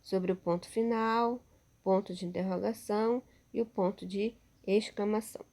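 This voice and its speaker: A woman's voice: medium pitch, steady tone, normal speed, mellow. A woman teacher with a Brazilian Portuguese accent giving a recorded lesson over slides, patient and checking in with her pupils often.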